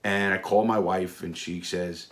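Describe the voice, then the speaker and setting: A middle-aged American man telling a story in a blunt, animated way that keeps circling back and repeating itself. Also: low voice, a little slow. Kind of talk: casual spoken storytelling.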